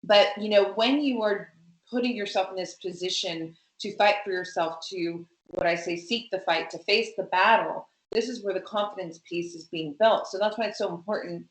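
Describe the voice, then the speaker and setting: A woman's voice: medium pitch, normal speed. Woman guest getting all fired up, lots of um and you know, room echo. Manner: animated, emphatic, many fillers. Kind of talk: conversational interview.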